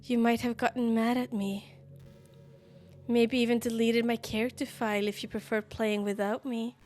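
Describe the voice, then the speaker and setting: A woman reading aloud as a lovestruck, self-aware teenage game girl, soft and earnest in her devotion. The voice sits a little high and stays tender throughout. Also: flat delivery, normal speed, close to an everyday voice. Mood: affectionate.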